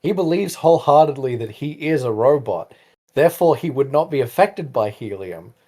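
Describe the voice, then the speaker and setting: A man in a casual podcast chat with a dark, mellow tone. He lays out his points in a dry, matter-of-fact way. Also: mid-range voice, animated, moderate pace.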